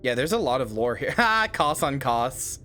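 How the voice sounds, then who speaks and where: A man's voice: medium pitch, big pitch swings, normal speed, soft background music. A man casually commenting on a game as he plays, rambling with lots of fillers and swearing. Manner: rambling, full of fillers, swears and loud outbursts. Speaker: game streamer.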